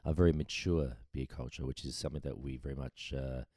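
A man with an Australian accent and a very deep, mellow voice. He chats as an enthusiastic podcast guest, telling casual stories in a dry-sounding space. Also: fairly even intonation, brisk, no echo. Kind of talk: casual chat, anecdotes. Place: at a kitchen table indoors.

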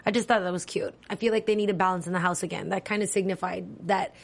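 A woman in easy conversation on a show recap podcast. She jumps in with quick reactions and comments and keeps the chat rolling along with her co-host. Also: lowish voice, steady tone, gravelly. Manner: chatty, reactive, full of quick comments and laughs.

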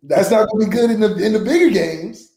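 Animated male sports co-host in a roomy space. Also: sits high, fast, slight background noise. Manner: animated, loose and jokey, breaks into quoted voices. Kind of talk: casual sports talk. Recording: roomy echo.

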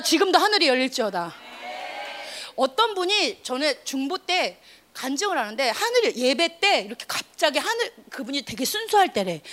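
A young woman youth pastor delivers a lively sermon with a high, bright voice. Her pitch leaps and dips constantly as she builds emphatic repetitions and calls out for responses. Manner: animated, emphatic, call-and-response preaching.

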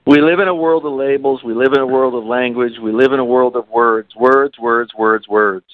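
A man's voice: mid-range voice, steady tone, normal speed, no room sound, phone-quality sound. A man co-hosting a podcast about coaching and parenting, talking earnestly and repeating key phrases for emphasis. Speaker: podcast co-host. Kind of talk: podcast conversation.

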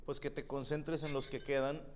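A man's voice: medium pitch, little pitch movement, normal speed, a little hiss or hum. A man with a Mexican accent co-hosting a podcast, reading listener messages and giving slangy but earnest advice. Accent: Mexican Spanish. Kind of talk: casual comedic chat. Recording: long reverb.

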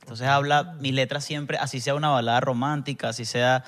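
A man's voice: medium pitch, little pitch movement, brisk, a bit bright. A man chatting as a podcast guest. He talks in a rambling, reflective way and keeps checking that the listener follows him. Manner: rambling, reflective, asks "me entiendes" often. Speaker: guest musician. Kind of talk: casual podcast chat.

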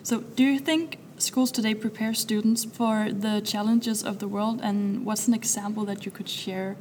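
A woman's voice: medium pitch, steady tone, normal speed, darkish tone, slight background noise. A woman co-hosting an education podcast, introducing the guests and asking questions in a friendly, plain way. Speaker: podcast co-host.

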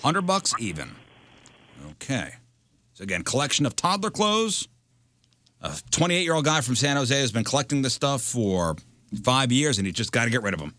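Male radio game host, announcer-like and suspenseful, forceful bright tone, lively pitch, faint noise behind. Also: dry recording. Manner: announcer-like, repeats bids with drawn-out suspense. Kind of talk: game show hosting on a radio talk show.

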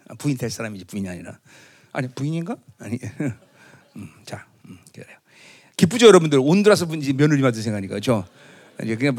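A middle-aged man preaching a Christmas sermon as pastor, chatty with his congregation, often asking them to agree, and acting out boastful proclamations. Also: a little high. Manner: conversational, teasing the congregation with tag questions; acts out loud proclamations in a raised voice.

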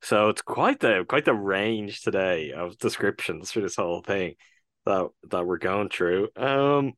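A man co-hosting a sports podcast, talking in a relaxed, wry way. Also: lowish voice, dry recording. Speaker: podcast co-host. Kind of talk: casual sports podcast chat.

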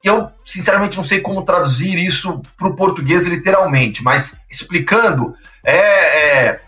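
A man's voice: high-pitched, a little slow, bright, forceful tone, reverberant, far from the mic, soft background music. A man hosting a basketball podcast, explaining the news in a chatty way with many fillers. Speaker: podcast host.

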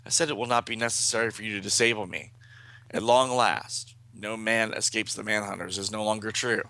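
A solemn female robot from a comic book, read out by a man, speaks in formal, resigned speeches. The voice is gravelly and fairly low, with a forceful edge. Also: fairly even intonation, fairly quick, no room sound, rough recording. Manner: formal, declamatory.

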